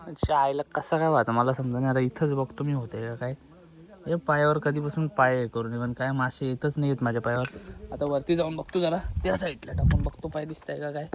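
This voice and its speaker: A man's voice: medium pitch, steady tone, brisk. A man chatting and joking through a casual travel vlog by the sea, filmed on a handheld phone. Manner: chatty, joking, switching between Hindi and Marathi. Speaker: vlogger. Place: outdoors by the sea. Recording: noisy outdoor phone recording.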